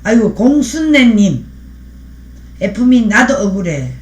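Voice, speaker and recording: A woman's voice: medium pitch, very animated, a little slow, darkish tone. Fiery woman streamer in an echoey room. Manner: fiery and preachy, thanking viewers by name. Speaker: livestream host. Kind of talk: live-stream commentary reading viewer comments.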